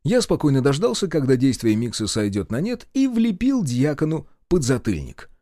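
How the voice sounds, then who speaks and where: A man narrating a first-person audiobook in a steady, measured and expressive way. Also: mid-range voice, no echo, clean studio sound.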